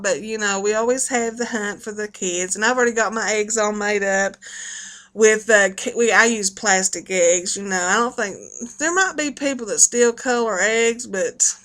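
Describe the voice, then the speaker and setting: Her voice is on the high side, pushed and bright. A middle-aged video blogger with a folksy Appalachian twang, she rambles chattily to people watching online and laughs a lot.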